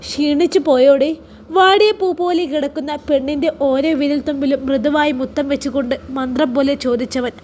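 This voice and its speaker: High-voiced Malappuram woman storyteller. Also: fairly even intonation, fairly quick, hardly any pauses, darkish tone, a little hiss or hum. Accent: Malappuram Malayalam. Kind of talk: emotional story narration.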